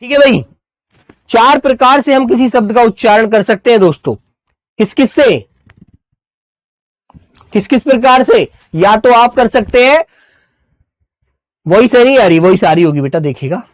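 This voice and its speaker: A male Hindi teacher giving an online class, slowly dictating words and calling his students "beta" and "my dear children.". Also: very high-pitched, expressive, no room sound, dull audio.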